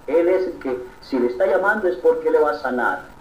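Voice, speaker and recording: This expressive priest gives a sermon full of earnest belief, regularly pausing to connect with those listening. Recorded at a distance in a reverberant hall, his fairly high voice sounds slightly muffled over faint noise.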